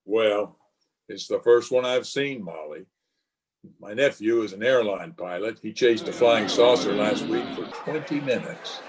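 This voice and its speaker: An actor playing a dry, formal small-town mayor in an old-time radio comedy, sarcastic and easily flustered. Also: male voice, lowish voice, animated, measured pace, crowd noise, poor audio. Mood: wry. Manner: formal, sarcastic, getting tongue-tied.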